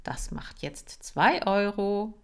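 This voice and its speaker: A woman's voice: mid-range voice, lively intonation, slow, vocal fry, a bit bright, voice pushed up, heavily acted. A woman voicing a cocky, cheating schoolboy bully who taunts and sneers. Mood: taunting.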